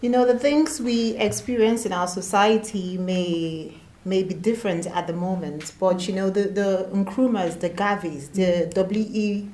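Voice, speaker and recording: A woman's voice: mid-range voice, unhurried, mellow. A woman moderating a panel discussion, speaking earnestly and with conviction, often repeating words. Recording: echoey room, faint noise.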